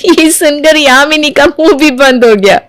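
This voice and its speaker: High-voiced woman narrating a cartoon tale. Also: a bit bright, no room sound. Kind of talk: storybook narration.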